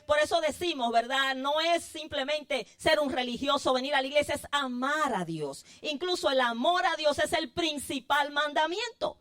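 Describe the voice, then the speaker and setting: A woman preaches a sermon in a high voice. She talks fervently, lifting and dropping her emphasis as she calls on her listeners as brothers. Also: normal speed, few pauses, fairly bright tone.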